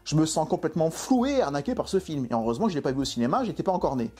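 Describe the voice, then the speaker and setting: A man's voice: on the high side, big pitch swings, rapid-fire, darkish tone, husky. A man reviewing a film in an exasperated, emphatic way, full of rhetorical questions. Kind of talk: opinionated video film review.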